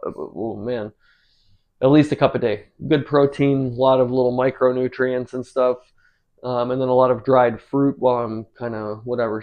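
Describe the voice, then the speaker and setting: The recording is muffled, carrying a gravelly, mid-range male voice. He's a cooking channel host from the United States in his forties, chatting casually as he cooks, rambling in a relaxed way with plenty of ums and uhs.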